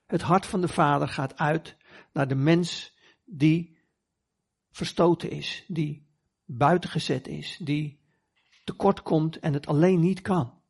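A man's voice: on the high side, slow, vocal fry, husky. A man preaching a sermon, retelling scripture stories earnestly and acting out the voices in them. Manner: earnest storytelling, acts out quoted voices.

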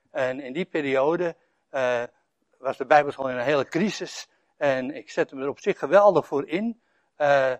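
Older guy preaching, kinda high voice, dry close sound, chatty with lots of uhs. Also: dry recording. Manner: conversational, with frequent "eh" and "hè" asides and soft chuckles; reads scripture passages with rising, emphatic voice. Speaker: pastor. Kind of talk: sermon.

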